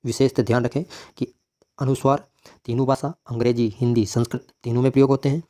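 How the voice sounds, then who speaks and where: A man's voice: medium pitch, flat delivery, a little fast, warm tone. A man teaching grammar in a classroom-style lecture, asking questions and answering them himself and repeating key points.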